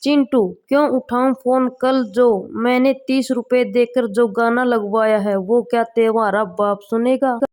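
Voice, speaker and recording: Slow, unhurried woman reading jokes. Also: a little high, fairly even intonation, darkish tone. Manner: slow, deliberate joke delivery. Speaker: joke reader.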